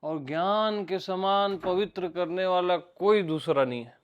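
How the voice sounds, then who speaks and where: A man's voice: sits high, unhurried, smooth, muffled recording. A man with an Indian accent giving an informal spiritual discourse, teaching by repetition and by asking his listeners questions.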